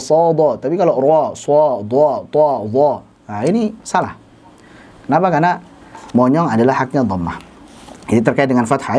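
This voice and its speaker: Male teacher, lively intonation, models each vowel sound for students. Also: fairly high pitch, slightly rough. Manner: demonstrates vowel sounds aloud, repeating syllables. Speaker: Quran recitation teacher. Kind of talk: teaching lecture.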